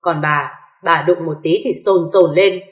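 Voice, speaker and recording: A woman's voice: on the low side, steady tone, measured pace, natural voice. A woman voicing a stern, commanding older father-in-law in an echoey room. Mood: scolding.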